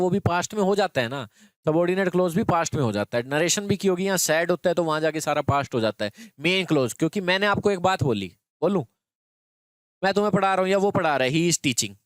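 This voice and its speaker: Male teacher, clear voice, dry sound. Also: on the high side, no echo. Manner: explains step by step, often checks in with students. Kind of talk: exam prep grammar lesson.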